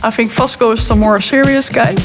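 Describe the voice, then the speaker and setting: A woman's voice: on the high side, fairly even intonation, fairly quick. A woman from the Netherlands, an adventure rider and tour leader, speaking in a documentary interview in an enthusiastic, plain-spoken way. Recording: music bed under interview. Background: music.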